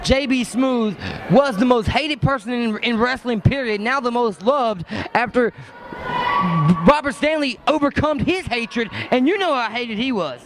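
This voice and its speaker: A man doing lucha libre announcer play-by-play, excitable and calling wrestling moves in short bursts. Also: very high-pitched, a little slow. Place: indoor gymnasium wrestling show. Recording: noisy sports hall, loud background noise.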